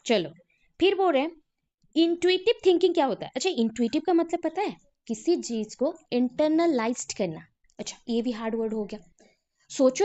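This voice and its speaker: A woman's voice: on the high side, dark tone, highs cut off. A woman teacher lecturing a class in a classroom, who repeats key names and quizzes her students.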